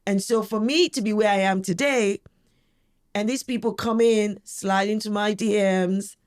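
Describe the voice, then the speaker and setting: A woman's voice: medium pitch, fairly even intonation, unhurried. A woman in her forties speaking as an interview guest, talking candidly in an emphatic, outspoken and forthright way. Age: 40s.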